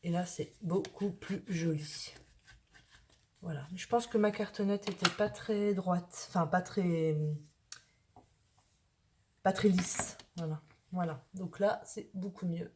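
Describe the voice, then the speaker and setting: A woman from northern France hosts a casual craft tutorial, chatting to viewers as she works through a project step by step with her hands. Her voice is on the low side and steady, slow with long pauses, and there's background noise.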